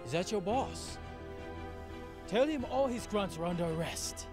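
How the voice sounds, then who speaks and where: High-pitched, barking policeman. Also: animated, a little slow, over loud music. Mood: commanding. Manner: barking, authoritative. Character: stern, agitated male police officer. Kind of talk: video game voice acting.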